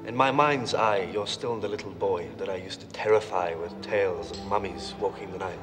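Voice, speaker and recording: A man acting out a fond mentor with a low voice who talks in a measured, gently chiding way. Music plays behind him in a period TV drama. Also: big-room sound, close to an everyday voice. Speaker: old family friend.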